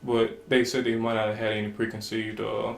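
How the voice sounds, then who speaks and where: A man co-hosting a podcast in casual chat, measured and halting, often searching for words. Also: lowish voice, monotone, creaky. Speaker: podcast co-host. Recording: echoey room with faint noise.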